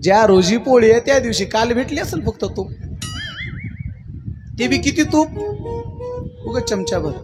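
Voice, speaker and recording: A man's voice: very high-pitched, lively intonation, moderate pace, pauses often. A man preaching a devotional sermon, telling the story in rhythmic lists and coaxing the crowd with questions. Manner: folksy, coaxing the audience to answer. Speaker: kirtan preacher. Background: music.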